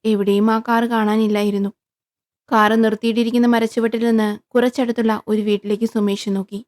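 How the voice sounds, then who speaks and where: Female storyteller, scripted horror narration, steady and monotone. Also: fairly high pitch, a little fast.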